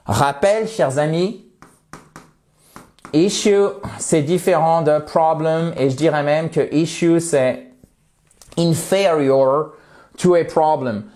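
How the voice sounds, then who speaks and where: A man whose first language is French teaching English expressions, friendly and explanatory, slowing down to model English pronunciation. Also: fairly high pitch, mellow.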